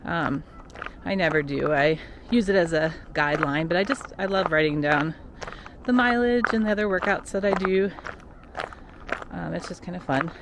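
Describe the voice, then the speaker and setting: A woman's voice: fairly low pitch, moderate pace. A woman chatting casually and musing aloud as she records a running vlog outdoors on park trails. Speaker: vlogger and recreational runner. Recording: clear outdoor background noise.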